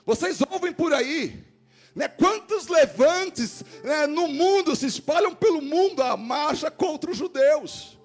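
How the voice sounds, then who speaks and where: A man with a Brazilian Portuguese accent, a pastor giving an animated sermon and acting out the dialogue in his stories. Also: extremely high pitch, takes it slowly, faint music behind. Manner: animated preacher voicing quoted dialogue. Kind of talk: sermon with storytelling. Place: church service.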